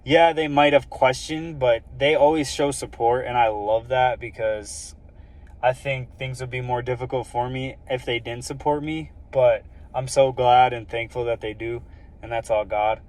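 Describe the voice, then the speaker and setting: A young man recounts a personal experience in a casual, earnest way, and his thoughts wander as he talks. He fills his speech with "like" and "um," and his voice sits in an ordinary middle pitch. He records himself on a phone, as if sitting in a car. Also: fairly even intonation, normal speed, darkish tone. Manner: earnest, rambling, many fillers like "like" and "um". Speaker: vlogger sharing a personal story.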